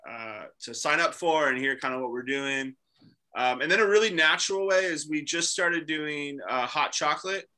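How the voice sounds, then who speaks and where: Man, 30s, host on a video call; very bright tone, lots of ums. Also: mid-range voice, low-quality recording. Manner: halting, many fillers. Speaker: ministry staff host. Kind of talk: casual video call talk. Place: small room indoors.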